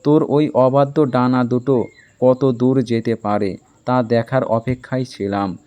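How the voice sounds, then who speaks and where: A man voicing a possessive, domineering young army captain who speaks slowly and sternly, stressing each word. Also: medium pitch, steady tone, mellow, smooth, lo-fi sound, lightly acted. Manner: slow, stern, emphatic.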